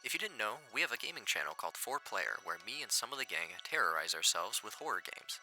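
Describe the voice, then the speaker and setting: A man hosts a horror commentary video, reading a script theatrically and slipping in wry remarks. His lowish voice is sing-song, fast, pushed and bright, and the recording is rough. Music plays behind him.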